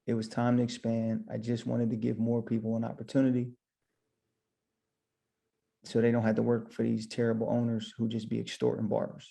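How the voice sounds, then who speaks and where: A man telling his story on a podcast in an easygoing, rambling way, often quoting what he said to himself. His voice is gravelly with a mellow, dark tone at a middle pitch. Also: completely flat delivery, brisk. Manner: rambling, retells his own thoughts as quotes. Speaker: podcast guest, barber and shop owner. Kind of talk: casual storytelling interview.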